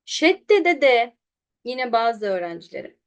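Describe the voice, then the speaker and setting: A woman teaching pronunciation online, sounding out syllables slowly and contrasting wrong and right versions. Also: on the high side, big pitch swings, clean tone. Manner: directly addresses students, quotes them animatedly. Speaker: Quran recitation teacher.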